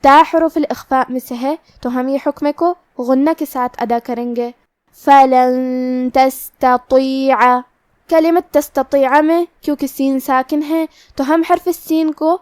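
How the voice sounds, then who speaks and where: A woman teaching Quran recitation rules step by step, reading each example in a slow, drawn-out chant. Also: sits high, no echo. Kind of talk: tajweed lesson, explaining rules then reciting slowly.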